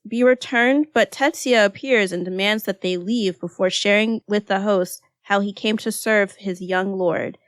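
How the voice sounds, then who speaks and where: A woman's voice: medium pitch, dry recording. Chatty woman in her thirties, dry sound. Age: 30s. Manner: laughing, loose and chatty. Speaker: podcast co-host. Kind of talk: casual chat.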